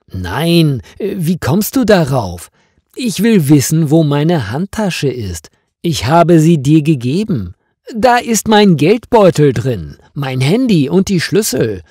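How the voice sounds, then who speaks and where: A man's voice: big pitch swings, takes it slowly, mellow, breathy edge, no room sound, studio quality, full character voice. A man reading a story voices an upset wife hunting for her lost handbag, in a raised, agitated voice. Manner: pitched up high, agitated and pleading.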